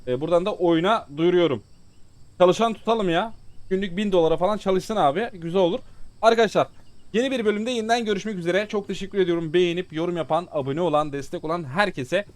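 A man's voice: sits high, fast. A man giving casual let's-play commentary, talking to his viewers and growing exasperated with the game. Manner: exasperated, chatty, talks to viewers. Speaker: gaming YouTuber.

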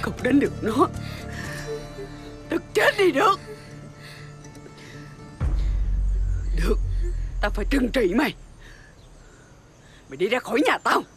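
A shrill southern vietnamese stepmother in a tv fairy tale, high voice that swings all over, scolds and wails. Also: big pitch swings, moderate pace, pauses often, fairly bright tone, faint music behind. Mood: vengeful. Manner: shrill scolding, wailing over her daughter. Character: cruel doting stepmother, middle-aged woman, hot-tempered. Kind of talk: TV fairy-tale drama acting.

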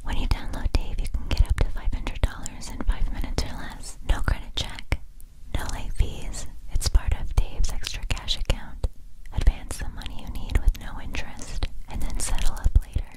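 A young woman softly whispering a scripted ASMR sponsor read in a breathy, unvoiced voice, enunciating carefully. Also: moderate pace, low-quality recording. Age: young adult. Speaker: ASMR creator.

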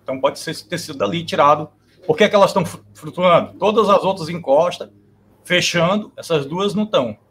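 A man on a remote call, his voice somewhat high for a man with a faint hiss behind it. He argues his point earnestly but haltingly, restarting phrases when pressed. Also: fairly bright tone. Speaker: caller joining the live stream. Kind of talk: casual debate with the host.

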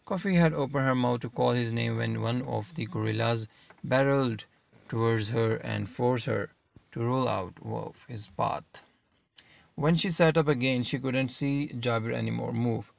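A man narrating an audiobook in a steady, measured reading. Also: mid-range voice, creaky.

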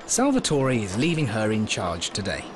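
A man giving scripted documentary narration in a measured, expressive way. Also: fairly low pitch, over music.

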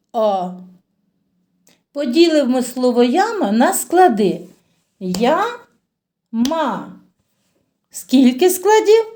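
Slow, lilting woman teaching young children. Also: a little high, warm tone. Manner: slow, patient, sing-song questioning of children. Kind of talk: children's phonics lesson.

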